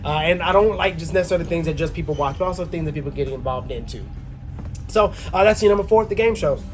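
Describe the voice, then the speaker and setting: High-pitched man bantering as a host. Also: fast, faint music behind. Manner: excitable, jokey, laughs often, repeats phrases. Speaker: cruise director and game show host. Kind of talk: casual bantering interview.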